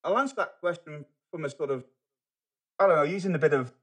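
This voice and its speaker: Halting Manchester man, lots of restarts. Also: a little high, fairly bright tone, husky. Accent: Manchester English. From England. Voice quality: halting, many restarts and fillers. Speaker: guest. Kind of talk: casual podcast conversation.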